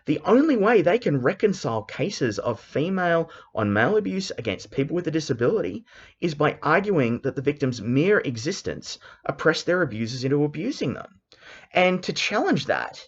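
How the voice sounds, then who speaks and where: A man with an Australian accent, speaking in an intense, emphatic monologue full of halting restarts. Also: a little high, sing-song, breathy edge. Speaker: commentary vlogger. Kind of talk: unscripted ranting monologue. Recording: dull lo-fi recording.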